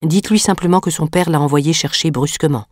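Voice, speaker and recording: A grave gentleman father gives calm, firm instructions about a child's welfare, his tone low and steady, as a woman reader puts him on. The voice sounds close and dry. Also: fairly quick, dry recording.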